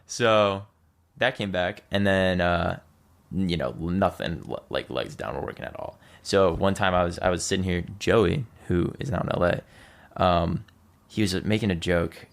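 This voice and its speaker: A man's voice: sits low, moderate pace, vocal fry. A young man, a podcast guest, telling a personal story in a loose, chatty way and acting out what people said. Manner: loose and chatty, heavy on "like", acts out quoted lines. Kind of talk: casual storytelling conversation.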